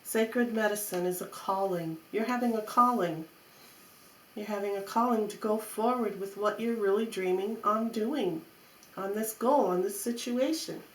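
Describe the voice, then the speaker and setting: A woman's voice: medium pitch, normal speed. A woman giving an off-the-cuff mystical tarot horoscope reading, repeating phrases in a coaxing, reassuring way. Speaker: tarot reader. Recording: roomy echo, faint background noise.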